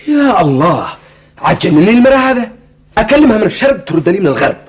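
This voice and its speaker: An actor playing a frustrated, dreamy writer husband in a television drama, theatrical in manner, with a Yemeni accent. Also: male voice, mid-range voice, very animated, rapid-fire, darkish tone, close to an everyday voice. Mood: exasperated. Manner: theatrical, swinging from sighing musing to exclaiming.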